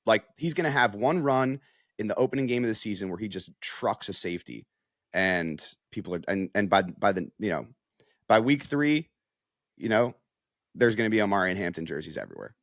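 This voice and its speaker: An American sports reporter appearing as a podcast guest speaks briskly in a lowish, expressive, slightly bright voice. He offers casual, conversational sports analysis, sprinkling in "like" and "you know," and the studio recording is clean with no room sound.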